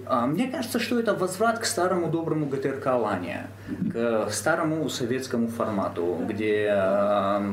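A theatre actor with a mid-range voice speaks earnestly and deliberately in a panel discussion, pausing with hesitations. The room is echoey and has a faint background hum.

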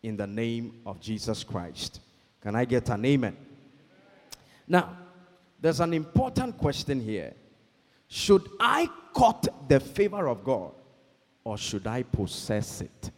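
Husky preacher man in echoing hall. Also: mid-range voice, big pitch swings. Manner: call-and-response, calls for amens; slow, emphatic, swells to shouts. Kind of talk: sermon. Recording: long hall reverb.

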